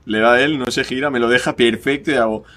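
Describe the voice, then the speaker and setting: Casting: young Spanish man, podcast co-host, animated storyteller who acts out voices. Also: quick pace. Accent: Spanish from Spain. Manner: animated storyteller, jumps high when acting out voices, laughs often. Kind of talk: casual chat, storytelling.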